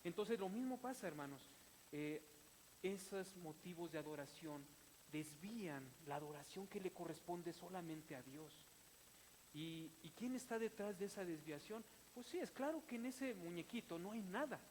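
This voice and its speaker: Animated male pastor in a reverberant church. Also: high-pitched, normal speed. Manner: animated, breaks into laughter while telling stories. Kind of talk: sermon with personal storytelling. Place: church sanctuary. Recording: church hall reverb with faint hiss.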